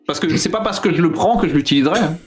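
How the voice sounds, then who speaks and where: Higher-voiced man playing a tabletop game. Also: very fast. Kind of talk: casual game chat.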